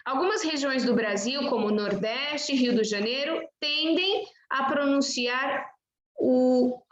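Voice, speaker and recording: Slow, carefully articulating Brazilian woman teacher. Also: high voice. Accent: Brazilian Portuguese. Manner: over-articulates example words one by one. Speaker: language teacher. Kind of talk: slow, careful pronunciation lesson. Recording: echoey room with faint noise.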